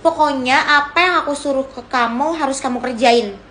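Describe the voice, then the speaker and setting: A woman's voice: sits high, a little fast, a bit bright, a little hiss or hum. A woman voicing a bossy, scornful young woman who talks in a demanding, mocking way in a homemade drama.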